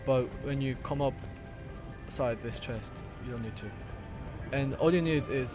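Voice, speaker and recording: A gamer with a Korean accent narrates gameplay for a tutorial in a medium-pitched voice. His casual commentary is halting, with fillers, restarts and laughs now and then, set against game music and sounds.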